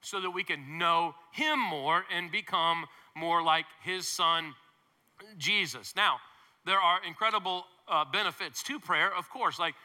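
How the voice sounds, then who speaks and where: A man's voice: high-pitched, bright, forceful tone. A male pastor preaching a sermon to his congregation, emphatic and conversational, with playful asides. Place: large church hall. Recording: long hall reverb.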